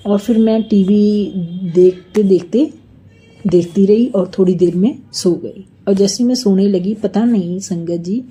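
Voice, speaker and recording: A middle-aged woman from India recounts a personal devotional story to her listeners. Her voice is very soft, dark and mellow, sitting at an ordinary pitch. She talks in an earnest, rambling way and keeps turning to her audience. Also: slightly rough. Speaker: devotee sharing a testimony. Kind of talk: spoken devotional testimony.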